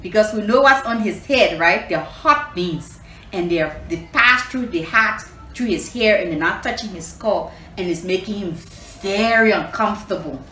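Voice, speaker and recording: A woman from Liberia hosts an animated children's story reading and lesson, teacherly, repetitive, and full of questions for her listeners. She speaks at a medium pitch and moderate pace, sounding a bit bright. The recording carries roomy echo and clear background noise.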